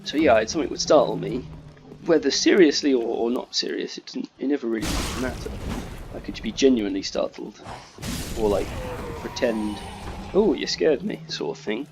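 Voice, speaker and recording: Guy rambling over his game, swears a lot, middle pitched voice, yelps high at enemies, noisy background. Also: animated, normal speed. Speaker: gamer commentating his playthrough. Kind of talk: casual rambling gameplay commentary.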